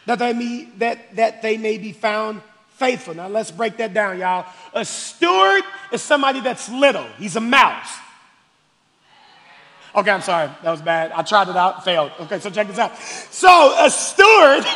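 A man preaching a sermon as pastor, expressive, swinging between shouting and hushed asides. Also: very high voice, creaky, long reverb tail. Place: church sanctuary.

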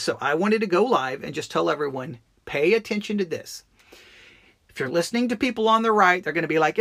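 A man's voice: a little high, a bit bright. A man hosting a live political commentary broadcast, earnest and often restarting his phrases.

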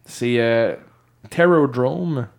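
A man's voice: medium pitch, creaky. A man with a Quebec French accent co-hosting a casual podcast chat, teasing his partner and rattling off game titles. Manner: teasing, lists titles fast. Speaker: podcast co-host.

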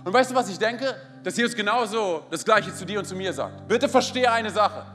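A high-pitched man in his thirties preaches with energy and keeps calling out to his congregation. His voice rings through a large church hall with a long reverb. Faint music sits underneath. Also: expressive, brisk, bright, forceful tone. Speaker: pastor. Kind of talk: sermon.

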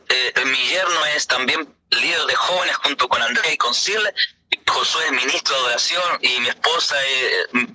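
A middle-aged man, a pastor, telling his personal faith testimony in an earnest, halting way with many hesitations. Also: fairly high pitch, pushed and bright, slight background noise, low-quality recording.

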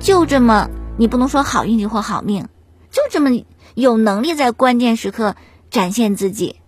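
A woman host telling a sports story in a chatty, animated way, often asking the listener rhetorical questions. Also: a little high, normal speed, soft background music. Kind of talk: casual storytelling commentary on football.

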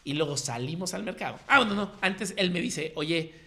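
A man's voice: on the high side, lively intonation, moderate pace, gravelly, pushed and bright. A man in his thirties with a Mexican accent, telling his story in slangy casual chat and acting out the voices of people he quotes. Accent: Mexican Spanish.

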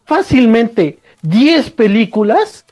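A man co-hosting a casual podcast, protesting and joking in quick repeated bursts. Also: very high-pitched, big pitch swings, darkish tone, breathy edge. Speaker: podcast co-host. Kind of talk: casual chat.

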